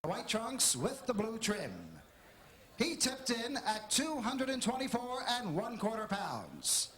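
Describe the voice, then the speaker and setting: A man working as a boxing ring announcer, making formal, projected introductions with drawn-out, emphatic names. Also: very high voice, fairly bright tone. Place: boxing arena, over the PA. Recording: echoey arena, clear crowd noise.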